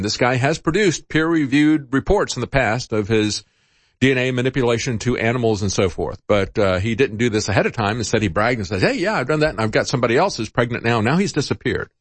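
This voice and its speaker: A middle-aged man with a medium-pitched voice hosts a talk show, giving loose, rambling news commentary in a conversational manner and chuckling at his own side remarks; there's no echo.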